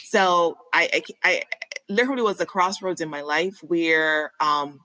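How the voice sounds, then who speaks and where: A woman from Barbados speaks as a physician guest on a podcast. Her voice is lowish but bright, and she explains things clearly and candidly. The recording is dry and close. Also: a little slow, no room sound, low-quality recording. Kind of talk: conversational podcast interview.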